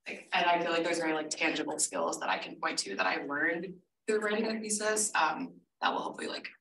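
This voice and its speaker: A woman's voice: on the low side, expressive, brisk, sharp tone. A woman in her twenties, a senior thesis student, explaining her research in a friendly, casual way. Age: 20s. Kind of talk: casual info session talk. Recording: echoey room, far from mic, faint noise.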